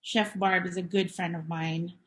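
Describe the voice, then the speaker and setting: A woman's voice: on the low side, flat delivery, normal speed. A woman in her thirties from the Philippines, a cafe owner talking as a podcast guest in an earnest, reflective storytelling way. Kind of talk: conversational podcast interview.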